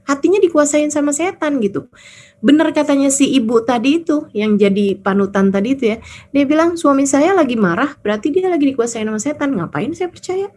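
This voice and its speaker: A woman preaching to a gathering in a relaxed, conversational way, her voice sitting a little high. She tells stories with lively quoted voices and keeps speaking straight to her listeners, mixing everyday slang into her advice. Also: a little hiss or hum. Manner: chatty storytelling, acting out quoted voices; colloquial, addresses listeners directly. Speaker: Islamic preacher. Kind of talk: casual religious talk.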